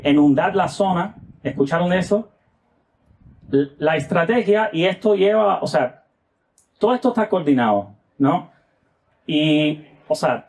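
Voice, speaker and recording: A man's voice: high-pitched, darkish tone. A man from the United States giving casual political commentary as a guest, hesitant, with many filler sounds and rhetorical tag questions.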